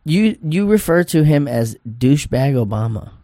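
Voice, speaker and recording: A man's voice: mid-range voice, very animated, normal speed, mellow, no room sound, studio quality. A man co-hosting a casual podcast, reacting playfully and teasing his partner. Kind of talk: casual banter.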